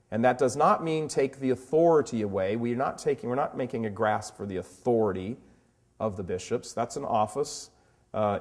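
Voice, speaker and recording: A man in his fifties giving impassioned commentary, firing rhetorical questions and slowing down to stress his words. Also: medium pitch, darkish tone. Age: 50s.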